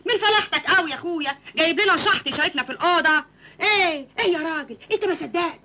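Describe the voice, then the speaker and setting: An actress playing a sharp-tongued, nagging middle-aged wife with an Egyptian accent, in a comic film. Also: female voice, sits high, expressive, racing. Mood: scolding. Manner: scolding, nagging.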